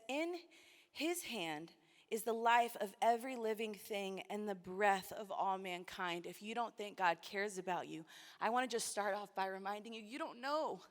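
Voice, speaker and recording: A woman preaching a sermon to a conference, emotional and close to tears at times. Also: on the high side. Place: large church hall. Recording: long church hall reverb.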